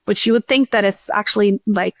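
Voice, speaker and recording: Brisk and mid-range, this woman's voice is captured in dry, studio-quality sound. The startup CEO answers interview questions casually and chattily, often beginning sentences again and filling gaps with filler words.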